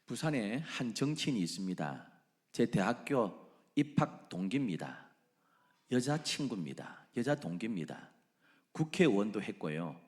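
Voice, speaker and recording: A middle-aged man preaching a sermon, swinging between loud exclamations and hushed whispers. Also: lowish voice, big pitch swings, moderate pace. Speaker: pastor. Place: church sanctuary.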